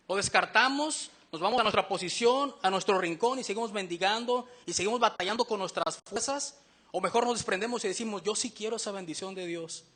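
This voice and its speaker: Bright high-voiced preacher man. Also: husky. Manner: earnest, questioning the congregation, slows down to read verses. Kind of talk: sermon.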